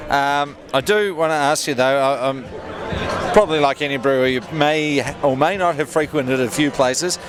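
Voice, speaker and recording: A man's voice: a little high, moderate pace. An Australian man hosting a casual interview with guests. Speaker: festival interviewer, show host. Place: outdoors at a beer festival. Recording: outdoor event, crowd and music behind.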